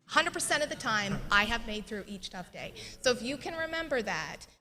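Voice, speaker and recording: A woman sharing a personal faith testimony in a church interview, earnest and animated, laughing often as she tells it. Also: on the high side, moderate pace. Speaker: guest sharing her testimony. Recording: long echoey reverb.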